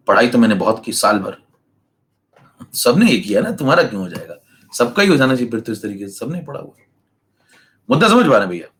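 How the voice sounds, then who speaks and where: A young man teaches chemistry in an online lecture with a brisk, teasing delivery. His voice sits at an ordinary middle pitch. He breaks off now and then to mimic slow, lazy students.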